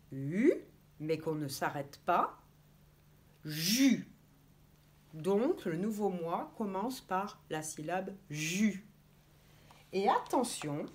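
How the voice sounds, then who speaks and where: A woman preschool teacher teaching young children, speaking slowly and clearly as she sounds out letters and gives gentle instructions. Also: medium pitch.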